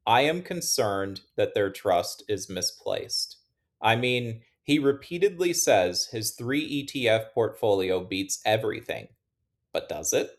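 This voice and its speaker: A low-pitched man talks through investing ideas as a channel host. His delivery is scripted and measured, laying out critical points one by one. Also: expressive. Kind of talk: scripted finance commentary.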